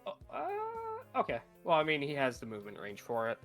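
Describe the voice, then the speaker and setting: Casual male player, halting delivery, faint music underneath. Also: medium pitch, fairly bright tone. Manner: hesitant, full of ums and restarts. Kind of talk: casual tabletop chat.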